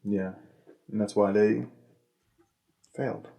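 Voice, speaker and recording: A man hosting a podcast, chatting casually and jokily, rambling with deadpan asides. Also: fairly low pitch, takes it slowly, gravelly. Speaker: podcast host. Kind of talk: casual comedic chat.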